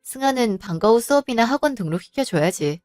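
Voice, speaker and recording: Woman doing a fed-up wife, sharp and scolding, kinda high natural voice, dry close sound. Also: animated, a little fast, no room sound, faint music behind, close to an everyday voice. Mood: firm. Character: firm, angry wife and mother. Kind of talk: storybook voice acting.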